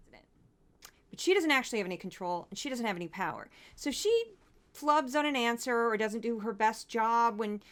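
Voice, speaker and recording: A woman hosts a commentary show, talking through news clips in a conversational way. Her voice sits a little on the high side, and her tone is wry and exasperated as she points out what she finds absurd. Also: fairly bright tone.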